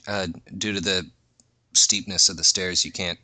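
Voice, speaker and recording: Low, bright-voiced man running a game. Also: steady tone, dry recording. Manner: halting, repeats phrases as he rules. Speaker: game master. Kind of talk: casual tabletop game narration.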